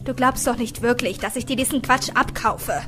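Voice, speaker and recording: A woman's voice: on the high side, normal speed, music in the background, natural voice. Brief: woman reading a dry, grouchy, no-nonsense café owner for a storybook audiobook. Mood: dry grumpy. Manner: dry and grumbling. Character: grumpy, dry café woman, sensible and curt.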